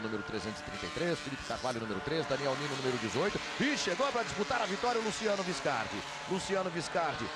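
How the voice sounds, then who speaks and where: A man with a Brazilian accent giving live motor race commentary, drawing out his calls of the action dramatically. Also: fairly high pitch. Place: commentary booth at a racetrack. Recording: loud engine and trackside noise behind. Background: loud car and outdoor track noise.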